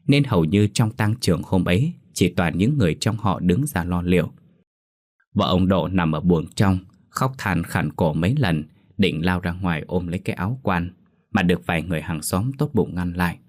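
A man tells a horror story in a slow, solemn reading. His voice sits very low and stays even. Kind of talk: scripted horror story narration.

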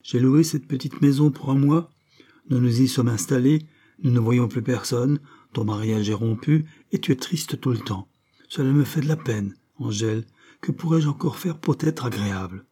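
A man's voice: medium pitch, moderate pace, warm tone, pitched above the performer's own voice, natural voice. A man reading as a worried, resigned mother.

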